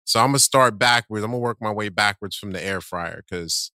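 A man's voice: fairly low pitch, a little fast, sharp tone, dry recording, clean studio sound. Easygoing man on a podcast. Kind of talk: casual chat.

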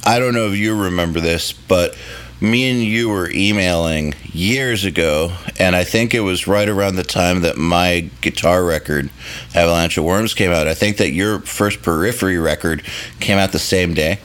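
A man with a deep voice talks as a podcast co-host. His delivery is casual and earnest, like a conversation between musicians. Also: normal speed, a bit bright.

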